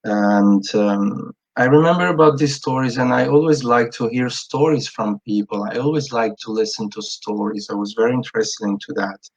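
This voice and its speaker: A man in his thirties from Italy, a guest telling his story in a casual interview, often pausing with fillers and restarting. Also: medium pitch, breathy edge. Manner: hesitant, many fillers and restarts. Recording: dull lo-fi sound.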